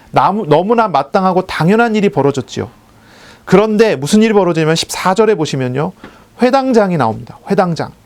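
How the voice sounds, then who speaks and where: A man preaching a sermon as a pastor, measured and explanatory, repeating key phrases for emphasis and asking questions he answers himself. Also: high-pitched, darkish tone. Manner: asks the congregation questions and answers them himself.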